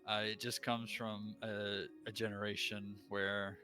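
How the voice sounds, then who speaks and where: Brief: young male coach, low pitch with a bright edge, eager and chatty, faint music under. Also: flat delivery, measured pace. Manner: enthusiastic, explains with restarts. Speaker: league coach. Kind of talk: casual stream chat.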